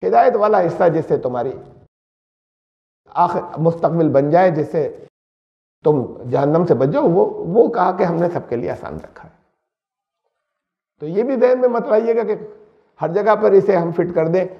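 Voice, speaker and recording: A man's voice: sits high, creaky, pauses often. A man giving a religious lecture who recites Arabic verses and explains them, asking his listeners questions as he goes. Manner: recites Arabic verses, then explains them in Urdu with English words mixed in; animated, asks the listeners questions. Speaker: Islamic preacher. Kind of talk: religious lecture on Quran translation. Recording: dull lo-fi recording.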